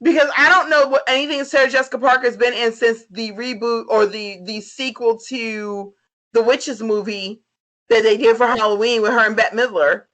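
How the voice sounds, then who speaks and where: This woman co-hosts a podcast, tipsy and growing drunker as she swears freely and emphatically repeats her views in a laid-back review conversation. Her voice sits a little high, fairly bright and fairly even in intonation, at normal speed, on a rough recording.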